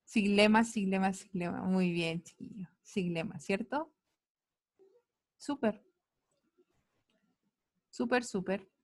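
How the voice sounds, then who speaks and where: A woman with a Chilean Spanish accent teaching an online science class, checking in with students often and praising their answers. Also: medium pitch. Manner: checks in often with quick tags, upbeat praise.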